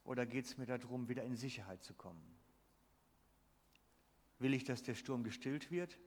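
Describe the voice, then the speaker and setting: A man's voice: mid-range voice, normal speed. A man preaching a sermon, emphatic and putting questions to the congregation. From Switzerland. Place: church hall. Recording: long reverb of a church hall.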